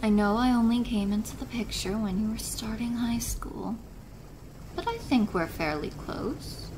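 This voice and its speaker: A woman playing a possessive, doting and controlling stepmother in an ASMR role-play drama, chiding in a deliberate, motherly way. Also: a little high, lively intonation. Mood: tender, coaxing. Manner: slow, deliberate, softly chiding, maternal. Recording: noisy rain ambience behind voice. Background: rain.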